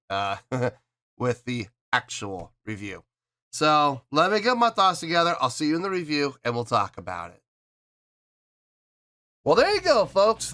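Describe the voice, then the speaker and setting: Addressing viewers directly to camera, a music review host gives a casual, emphatic spoken review and repeats phrases frequently to stress his points. His voice is fairly high pitched with a sharp tone.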